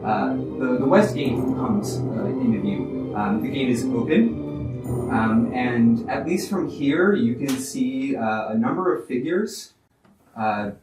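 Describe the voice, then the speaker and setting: A man narrating a tabletop role-playing game as game master, in a halting, drawn-out way. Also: mid-range voice, lively intonation. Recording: echoey room from far off, music behind. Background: loud music.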